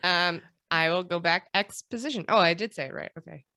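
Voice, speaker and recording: A woman's voice: on the low side, a little fast, bright, forceful tone, no room sound. A woman co-hosting a podcast in casual chat, telling stories with lots of fillers and laughter. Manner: playful storytelling with frequent fillers and laughs. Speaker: podcast co-host.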